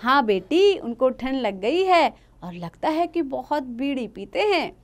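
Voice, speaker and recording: A woman reading the part of a calm, reassuring male village doctor. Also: high voice, measured pace, voice pushed up. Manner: gentle, reassuring.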